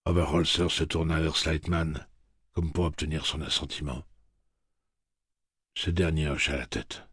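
A man narrating an audiobook in a steady, measured reading. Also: very deep voice, slightly rough, no room sound, clean studio sound. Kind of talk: scripted narration.

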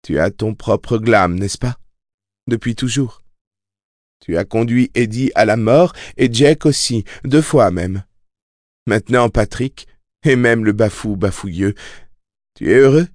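A man voicing a grieving young woman who speaks softly and turns bitter, in an audiobook reading. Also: measured pace, pauses often, no echo, clean studio sound, lightly acted. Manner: soft-spoken, raised pitch.

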